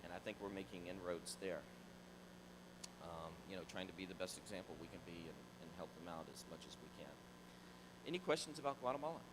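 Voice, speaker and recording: Here a middle-aged man from Tallahassee, Florida, preaches informally, recounting something personal to his church in a spacious sanctuary. His low voice runs a little fast and is animated, full of restarts and repeated words, picked up on a handheld mic with noise behind him.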